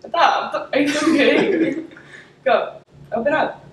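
A woman's voice: high-pitched, a little slow, noisy background. A young woman vlogger chatting casually with her brother, playful and teasing, often giggling. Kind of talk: casual chat. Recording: echoey room, far mic, music behind.

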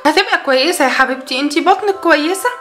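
A caring Egyptian mother doll speaks quickly in a high, soothing voice with an Egyptian Arabic accent, as a woman acts her out. It is doll play recorded in an echoey room. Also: pushed and bright.

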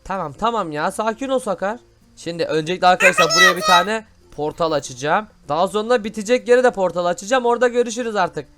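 Excitable male gaming host, high and very animated, faint game music behind. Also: fast. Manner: excitable, loud exclamations. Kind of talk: excited gameplay commentary.

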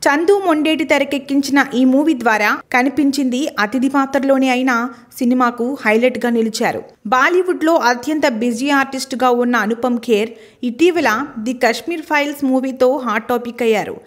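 A woman narrating a scripted entertainment news voice-over in an even, formal read-out manner. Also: sits high, fairly quick.

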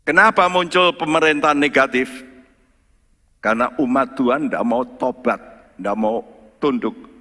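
Bright-voiced pastor in a church hall. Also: male voice, mid-range voice. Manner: lively preacher, rhetorical questions, mixes English words. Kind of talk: sermon.

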